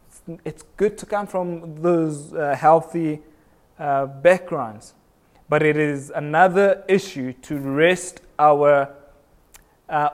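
Man, young, from Kenya, preacher, sermon, earnest, repetitive emphasis, slightly high voice. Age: young adult. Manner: earnest, repeats phrases for emphasis, frequent restarts.

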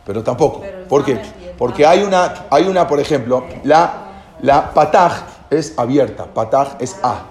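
A man's voice: a little high, lively intonation, moderate pace, darkish tone. A man giving an informal lecture, explaining with questions to his listeners and often repeating and restarting phrases. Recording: echoey room with faint background noise.

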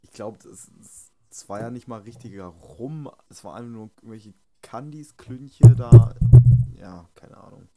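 A man's voice: on the low side, gravelly, dark tone, a little hiss or hum. A man, joking around in crude, slangy casual banter as a podcast co-host. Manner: slangy, joking, drawn-out delivery.

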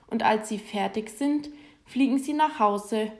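A woman calmly narrating a Christmas children's story in a clear storytelling voice. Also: fairly high pitch, a little slow.

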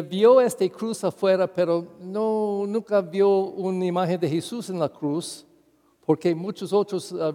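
Slow, earnest priest preaching in a church hall. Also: male voice, sits high, warm tone. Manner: slow, earnest preaching with acted-out quotes and pauses. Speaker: parish priest. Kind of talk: Spanish-language Sunday homily.

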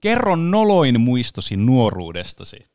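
A Finnish man co-hosting a live call-in stream, chatty and quick to laugh along. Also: mid-range voice, huge pitch swings, a little mellow. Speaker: podcast co-host.

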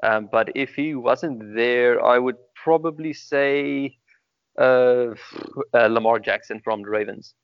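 A man's voice: medium pitch, slow pace, smooth, no echo. A young man from South Africa with a South African accent, a guest in a casual interview, earnest and repetitive with many ums. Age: young adult. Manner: earnest, repeats words, many ums and extremely. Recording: dry, dull lo-fi sound.

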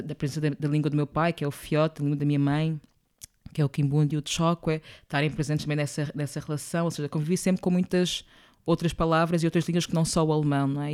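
Low, smooth, and darkish in tone, this voice belongs to a young Angolan woman being interviewed. In the reflective conversation she comes across as thoughtful, frequently returning to earlier points and adding little tag questions.

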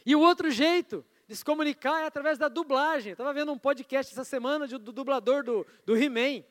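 A Brazilian pastor with an unusually high voice preaches a sermon in a loose, chatty style, tossing in asides and questions to the congregation. His voice echoes long through a large church hall. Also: fairly quick. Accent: Brazilian Portuguese. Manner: conversational preaching with asides and audience prompts.

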